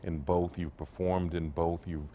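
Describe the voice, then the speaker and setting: Deep-voiced male co-host. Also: little pitch movement, unhurried, warm tone, a little hiss or hum. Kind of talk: interview questions.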